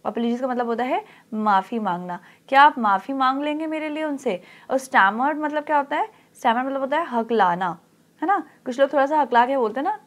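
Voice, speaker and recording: A woman teacher explaining an English story in Hindi, reading the English lines slowly and then explaining them. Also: on the high side.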